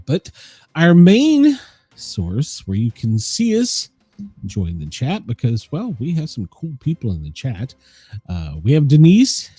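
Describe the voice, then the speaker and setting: A man's voice: medium pitch, mellow, breathy edge, dry recording. A man hosting a live show in a casual, rambling chat style.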